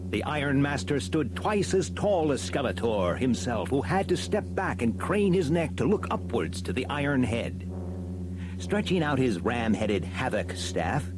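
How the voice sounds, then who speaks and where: A man reading a fantasy storybook aloud as a theatrical, expressive narrator. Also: mid-range voice, normal speed, music in the background, rough recording. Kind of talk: dramatic scripted storybook narration.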